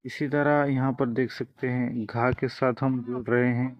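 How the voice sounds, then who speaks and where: Slow calm guy teaching letters, patient, dry kinda dull mic sound. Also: medium pitch, dry recording. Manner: patient, explanatory, drawing out example sounds. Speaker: language teacher. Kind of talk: step-by-step lesson narration.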